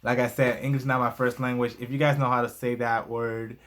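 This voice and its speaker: For a relaxed vlog, a young man who grew up speaking Spanish talks through a book review, pausing frequently with fillers and checking his notes. He sounds medium-pitched, flat, brisk and fairly bright.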